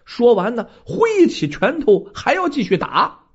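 Folk tale storyteller, animated pitch, husky voice, lo-fi sound. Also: unhurried. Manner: lively, colloquial, addresses listeners.

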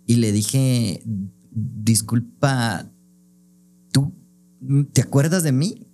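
A man's voice: mid-range voice, very slow, warm tone, a little hiss or hum. A man co-hosting a casual podcast, telling a personal story in a chatty way and laughing often. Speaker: co-host.

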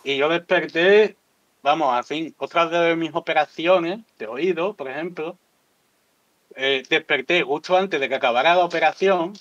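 Man, casual storytelling, candid and crude, fairly high voice, dull dry lo-fi sound. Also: normal speed, a bit bright, no echo. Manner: candid, vulgar, laughs at his own stories. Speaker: podcast guest.

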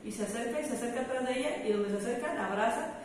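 A woman's voice: on the high side, rapid-fire. A young woman with a Mexican accent, chatting casually in slangy speech and telling stories animatedly. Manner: slangy, animated storyteller, laughs often. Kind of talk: casual chat. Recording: roomy echo, far from mic, faint noise.

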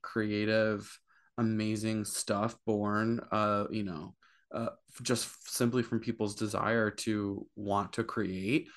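Man, fairly low voice, hesitant, searching for words, casual chat. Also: a bit bright. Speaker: podcast co-host.

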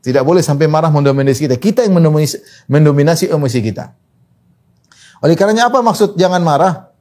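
A man's voice: animated, fast talker, darkish tone. A man preaching an Islamic sermon, reciting Arabic scripture and driving points home with emphatic repetition. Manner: quotes Arabic scripture, emphatic repetition, pitch swings widely. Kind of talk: religious lecture.

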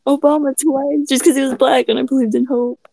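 A woman of about thirty who talks sarcastically and interrupts often, with a somewhat high voice that has a gravelly, dark edge. The sound is dry and close. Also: little pitch movement, a little fast, no echo. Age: 30s. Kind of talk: casual podcast chat.

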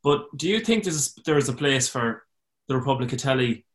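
A man's voice: medium pitch, lively intonation, normal speed. An Irish man aged twenty, hosting a podcast and asking questions in a casual interview style. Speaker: podcast host.

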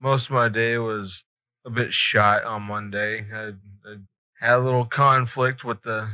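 This podcast host talks in a steady, medium-pitched voice, measured and pushed-bright, with no echo. His casual chat comes out hesitant and laid-back, and the recording sounds slightly muffled and lo-fi.

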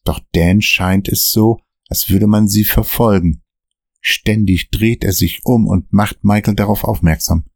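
A man narrating a scripted story podcast in a steady, measured way. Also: fairly low pitch, no room sound, studio quality.

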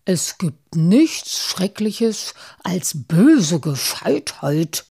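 A nervous, easily shaken male gnome , as a woman puts him on. He trips over his words and repeats himself, with a raspy, gravelly tone. He sounds like a storybook coward caught off guard. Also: on the low side, big pitch swings, extremely slow, mellow, exaggerated voice. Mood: flustered. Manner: stammering, faltering.

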